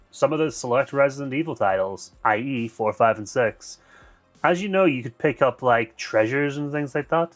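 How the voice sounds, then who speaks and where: A man co-hosting a casual gaming podcast, playful and teasing. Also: mid-range voice. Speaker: podcast co-host.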